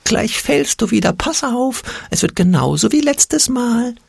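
A shrill, whimpering little imp of fear, squeaking far above any normal voice and dragging out his doom-laden warnings. He sounds slightly husky and sits dry and close in the recording, like a storybook voice. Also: very animated, unhurried, no echo, exaggerated voice. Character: whiny fearful inner voice, a shrill little imp.

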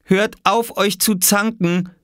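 A man's voice: high voice, expressive, normal speed, fairly bright tone, no room sound, studio quality, voice pushed up. A man voicing an impatient mother who scolds her squabbling children sharply, in a storybook reading. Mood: scolding.

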